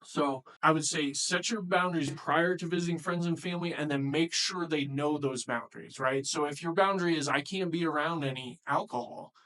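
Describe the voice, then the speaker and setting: A man with a somewhat high voice talks to viewers in an earnest, informal way and calls them "guys". He gives practical recovery advice as a coach and often circles back to repeat his points. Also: brisk, hardly any pauses, fairly bright tone, low-quality recording. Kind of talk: informal advice talk to camera.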